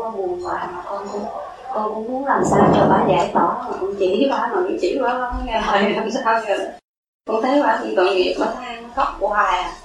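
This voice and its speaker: A woman follower pleads earnestly for guidance about an unhappy friend. She speaks from well off-mic in a very reverberant space. Clear room noise sits behind her voice. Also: medium pitch, far from the mic. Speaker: follower asking the teacher.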